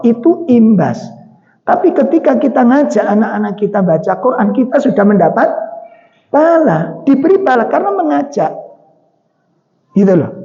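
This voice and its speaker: A Javanese-accented preacher tells stories during a mosque sermon and keeps putting questions to the listeners in a chatty way. His voice sits high with a warm tone, captured with a dull sound and long reverb from the hall.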